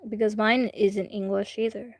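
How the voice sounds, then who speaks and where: A woman streamer with a mid-range voice chats casually with her viewers during a reaction livestream, talking to chat directly. She rambles and hesitates with lots of fillers, at a moderate pace with fairly even intonation, in clean studio sound with no room noise.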